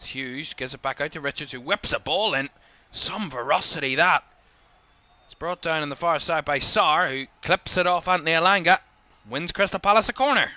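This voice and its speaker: Bright-voiced Northern Irish football commentator. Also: male voice, dry recording. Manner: quick play-by-play calls that lift in pitch at attacking moments. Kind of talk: live watchalong match commentary.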